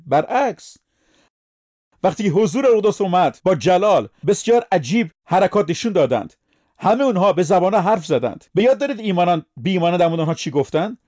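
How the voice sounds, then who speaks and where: A man's voice: sits high, darkish tone. A man preaching a sermon, speaking emphatically and putting questions to his listeners.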